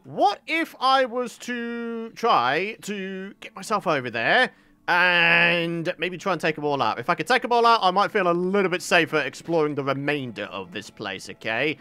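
A man's voice: high voice, expressive, moderate pace, pushed and bright, clean tone, dry recording. A man giving jokey Let's Play commentary, chatting to his viewers as friends. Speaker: gaming YouTuber.

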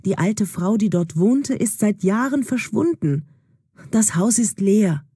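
A woman's voice: medium pitch, expressive, slow pace, breathy edge, no room sound, clean studio sound. A woman voicing a caring young man in a storybook, speaking firmly and soothingly. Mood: reassuring. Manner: firm and soothing, louder than the narration.

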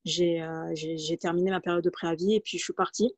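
Recorded dry over a dull, lo-fi video call from a room at home, a woman in her thirties from the Paris region tells her career story as a guest, halting with fillers and restarts. Her lowish voice is brisk and darkish, with fairly even intonation.

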